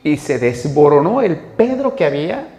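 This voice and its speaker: Brief: male pastor, animated sermon, swinging pitch, roomy church reverb. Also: moderate pace. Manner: animated storytelling, acts out quoted speech. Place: church hall. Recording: echoey church hall.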